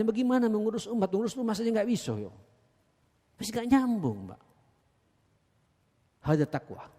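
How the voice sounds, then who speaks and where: A man with an East Javanese accent preaching a sermon in a mosque. He talks earnestly and keeps addressing the congregation directly, swinging between loud emphatic exhortation and low quiet asides. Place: large mosque hall. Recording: echoey mosque hall.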